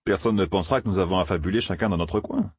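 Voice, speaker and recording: A man's voice: low voice, fast talker, husky, no room sound, studio quality. A man voicing a mischievous young village man, eager and chattering. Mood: earnest.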